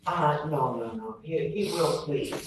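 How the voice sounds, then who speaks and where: A man speaks as an attorney in a courtroom, in short replies to the bench. His voice is on the high side. It comes from far off in a very reverberant, noisy room. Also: measured pace. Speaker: attorney for a defendant. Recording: very echoey, distant mic, noisy room.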